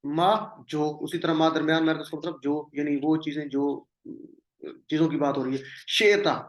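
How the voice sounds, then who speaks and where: A patient male teacher with a slightly high voice, repeating each word and its meaning so students can drill along. He slips English terms into his explanation, and his voice rings in an echoey room. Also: little pitch movement. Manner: mixes English words into the explanation. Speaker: Quranic Arabic teacher. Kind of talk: classroom lesson.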